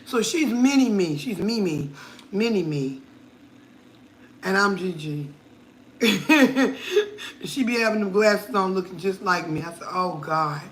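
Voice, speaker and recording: A woman's voice: medium pitch, expressive, measured pace, pauses often, slight background noise. A middle-aged woman from Connecticut, a cooking vlogger chatting casually and playfully, laughing often. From Connecticut, USA. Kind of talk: casual live chat.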